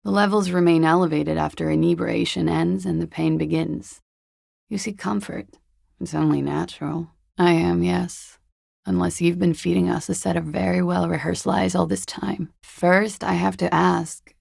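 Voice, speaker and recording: Klaasje, husky, creaky, jaded flirt. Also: female voice, lowish voice, steady tone, normal speed, a little mellow, dry recording, clean studio sound. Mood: coolly amused. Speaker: video game character. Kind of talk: video game dialogue.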